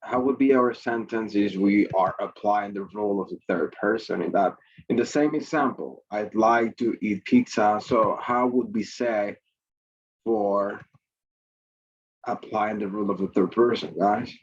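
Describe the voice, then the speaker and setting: Male teacher, slow pace, husky tone, repeats and prompts with questions, dull video-call sound. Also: fairly low pitch. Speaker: English teacher. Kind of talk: online class lesson.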